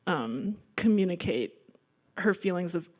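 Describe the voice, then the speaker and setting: An American woman in her thirties, a guest artist, gives a casual slide-show talk about her paintings in a lecture room. Her voice is lowish and darkish, expressive and a little slow, and she comes across chatty and self-deprecating, full of likes and ums.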